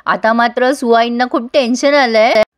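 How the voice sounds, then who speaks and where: A woman's voice: fairly high pitch, fairly even intonation, normal speed, clean tone. A woman narrating a casual, amused recap of a TV serial, chatty and often laughing.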